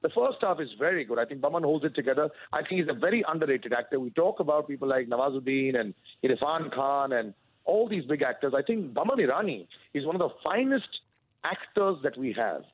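A man with a slightly higher voice talks fast and eagerly as a film gossip correspondent. His tone is husky and dry. The sound is dull and lo-fi, as if he is phoning in. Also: sing-song. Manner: chatty, opinionated, enthusiastic. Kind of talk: casual chat over radio.

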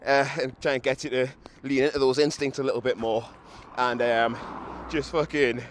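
A man's voice: medium pitch, flat delivery, moderate pace. A young man, hungover and still a bit tipsy, talking bluntly and swearing freely in a casual, self-mocking monologue as he walks. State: hungover, still a bit drunk after a run. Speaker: podcaster. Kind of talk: casual walking monologue to camera. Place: outdoors, walking along a street. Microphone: handheld microphone and camera. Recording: noisy outdoor recording with traffic.

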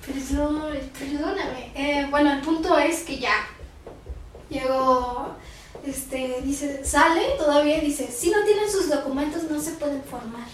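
Young mexican woman, high voice, animated storyteller, echoey room, mic kinda far. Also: a little slow. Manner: animated, acts out quoted voices. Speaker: podcast co-host. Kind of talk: casual storytelling chat. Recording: roomy, distant mic, noisy background.

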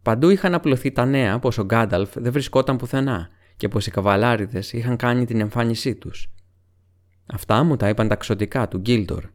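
A man voicing Strider, a grave, weathered ranger who speaks in a calm, guarded way, in an audiobook reading. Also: medium pitch, natural voice.

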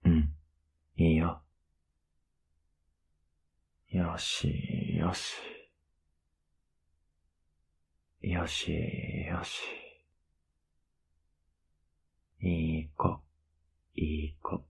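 A man playing a tender, teasing, clingy younger boyfriend in an ASMR role-play, murmuring softly and intimately. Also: extremely low pitch, fairly even intonation, takes it slowly, heavily acted. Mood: coaxing, doting. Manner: soft, intimate, coaxing murmur.

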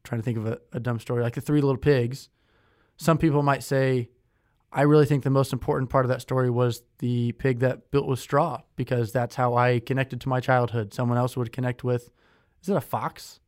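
A man's voice: mid-range voice, level tone, brisk, darkish tone, no room sound, studio quality. A young man co-hosting a podcast, chatting casually with lots of fillers and restarts. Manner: chatty, with many fillers and self-corrections. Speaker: podcast co-host. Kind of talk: casual conversational chat.

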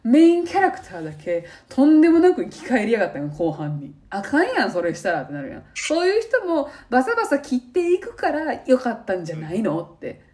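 A woman's voice: high-pitched, wildly swooping pitch, brisk, hardly any pauses, mellow. A young woman with a Kansai accent, chatting as a podcast co-host and acting out the lines she quotes. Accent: Kansai Japanese. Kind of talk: casual chat.

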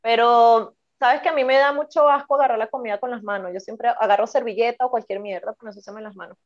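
A woman's voice: fairly high pitch, steady tone, fast, dull audio. A Venezuelan woman in her twenties, a podcast co-host telling stories in casual, swearing chat. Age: 20s. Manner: chatty storyteller, swears freely.

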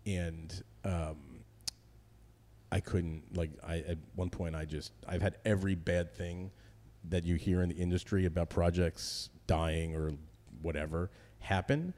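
A middle-aged man from New Jersey, a podcast guest in casual chat, loose and profane and quick to laugh. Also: low voice, steady tone, a little mellow.

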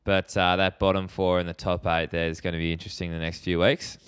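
A man with an Australian accent and a lowish, very clean voice in a dry, close recording. He chats casually like a laid-back tradie, with plenty of slang, as a podcast co-host. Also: little pitch movement, fast talker, fairly bright tone, clear, resonant tone, no echo. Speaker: sports betting podcast co-host. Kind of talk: casual chat.

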